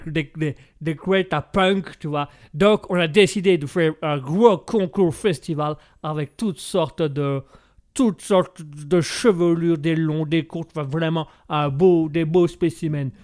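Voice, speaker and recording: A man's voice: sits high, clear, resonant tone. A man voicing a boastful American who drops English words into his rambling French.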